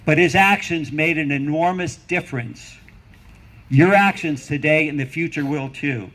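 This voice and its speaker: A middle-aged or older man giving a rally speech as a professor, emphatic and deliberate, building on repeated phrases and rhetorical questions. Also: on the high side, a bit bright. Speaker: university professor speaking at a rally.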